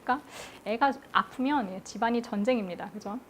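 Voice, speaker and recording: Preaching at an afternoon church service, a woman poses questions to the congregation and supplies the answers herself with a firm "yes." She speaks briskly in a higher register, and there's slight background noise.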